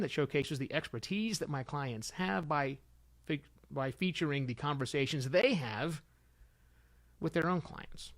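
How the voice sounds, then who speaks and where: A middle-aged podcast host and consultant runs a solo show, offering informal advice with animated emphasis and conversational asides. His voice is fairly high-pitched.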